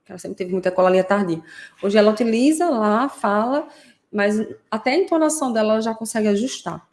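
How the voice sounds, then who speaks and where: A woman hosts a podcast and explains her subject in a relaxed, conversational way. She keeps checking in with her listeners through tag questions and briefly acts out examples. Her voice sits in a middle pitch range. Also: fairly quick. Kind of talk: casual explanatory podcast talk.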